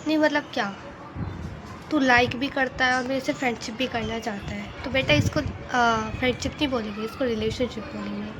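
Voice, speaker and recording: A young woman vlogger chats through a casual question-and-answer session. She reads out each fan question in her slightly high voice and answers frankly, often tagging on "okay?" at the end of a sentence. The home recording carries a steady layer of background noise. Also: normal speed. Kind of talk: casual Q&A vlog.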